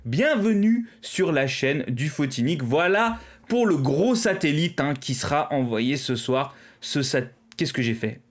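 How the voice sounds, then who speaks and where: Male host with a French accent, casual and rambling, filler-heavy, laughs at his own slips, slightly raised pitch. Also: lively intonation, a little slow, hardly any pauses. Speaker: live-stream host. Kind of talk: casual live commentary.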